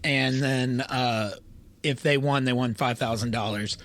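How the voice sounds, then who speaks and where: A man's voice: medium pitch, steady tone, unhurried, fairly bright tone. A man in his thirties co-hosting a casual podcast, laughing often and swearing while bantering over a ranked list. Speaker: podcast co-host. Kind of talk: casual chat.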